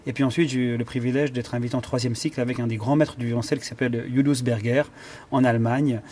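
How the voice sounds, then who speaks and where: A fast-speaking man with a medium-pitched, darkish voice and steady tone, he is an Iranian conductor and cellist. His thoughtful interview answers are full of fillers and restarts, and the audio carries a little hiss or hum.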